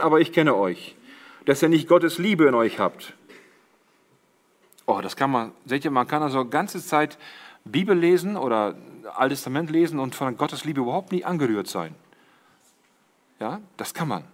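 Middle-aged male preacher, emphatic sermon delivery, slightly high voice. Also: expressive, normal speed. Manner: addresses congregation as siblings, quotes Jesus with emphasis.

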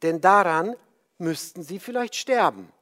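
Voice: mid-range voice, expressive, a little slow, a bit bright. Ein junges Mädchen in einer Predigtgeschichte, vom Prediger gesprochen, ehrlich und direkt. Sie stellt ihre Fragen ohne Umschweife, in lebhafter Melodie. So klingt eine kindlich offene Art. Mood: earnest. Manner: earnest, direct questions. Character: frank, warm-hearted young girl asking blunt questions.

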